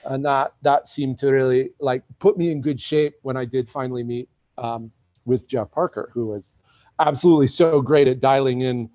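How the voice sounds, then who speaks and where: Actor, male, chatty storyteller; mellow, dry sound over a dull video-call line. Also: mid-range voice, steady tone, normal speed, no echo. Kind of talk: casual video-call chat.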